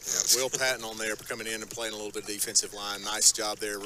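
A man giving easygoing color commentary on a high school football game. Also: little pitch movement, fast, sharp tone, slight background noise. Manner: easygoing analysis of plays. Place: press box at an outdoor stadium.

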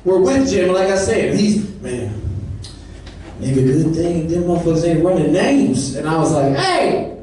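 Male stand-up comic, St. Louis accent, lively high voice, very echoey club, distant mic, room noise. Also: normal speed. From St. Louis, Missouri. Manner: animated storytelling, acts out voices. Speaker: stand-up comedian. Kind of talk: stand-up comedy. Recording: roomy club sound from off-mic.

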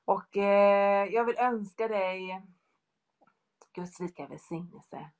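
Brief: middle-aged woman, fervent devotional speaker, earnest and repetitive. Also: mid-range voice. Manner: earnest, repetitive, builds in lists.

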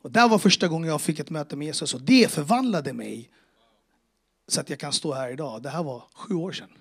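A man's voice: fairly high pitch, lively intonation, creaky, breathy edge. A man telling his faith testimony to a church audience, casual and earnest, with street slang and acted-out dialogue. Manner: emotional, earnest. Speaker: speaker giving a personal faith testimony.

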